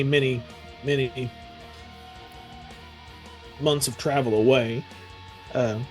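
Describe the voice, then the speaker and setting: A man with a mid-pitched voice improvises as a player in a tabletop game. He talks casually and haltingly, thinking aloud as he goes, with soft music behind him. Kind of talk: casual improvised game role-play and description.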